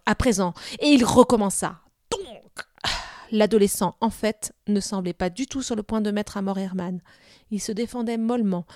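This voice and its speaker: A woman reading a storybook aloud with expressive, dramatic storytelling. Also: mid-range voice, no echo, clean studio sound. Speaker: narrator. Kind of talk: storybook narration.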